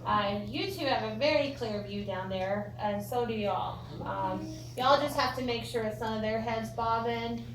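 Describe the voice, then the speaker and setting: American female ghost tour guide, informal and jokey storyteller, fairly high voice, picked up from afar with clear noise. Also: normal speed, few pauses. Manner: folksy, joking, chatty storytelling. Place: indoor room of an old theatre. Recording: roomy echo, distant mic, clear background noise.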